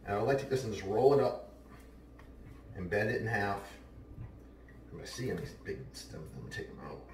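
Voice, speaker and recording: Casual home-cook host, New man, low voice, off-the-cuff, picked up from across a roomy kitchen. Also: lively intonation, fairly quick, darkish tone, far from the mic, a little hiss or hum. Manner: chatty, offhand, talks while working. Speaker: home cooking show host. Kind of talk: casual cooking demonstration. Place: large home kitchen, indoors. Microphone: camera mic at a distance, then close to camera. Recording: roomy kitchen sound, heard from afar.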